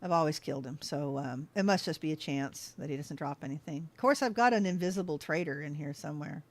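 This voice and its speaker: Here a woman with a low-sitting voice talks quickly as she plays a game live. Her chat with viewers is relaxed, easily derailed and full of laughter.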